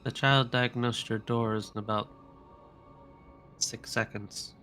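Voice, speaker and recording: A man's voice: medium pitch, steady tone, slow pace, bright, forceful tone, soft background music. A man playing a tabletop game, speaking bluntly and dryly. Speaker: player. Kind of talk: casual tabletop game talk.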